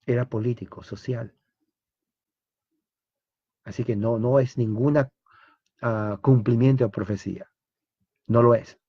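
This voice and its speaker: A man's voice: medium pitch, fairly even intonation, a little slow, long pauses, breathy edge, dry recording. Guy teaching bible theology, pushy rhetorical questions, dry dull lo-fi sound. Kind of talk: theology lecture.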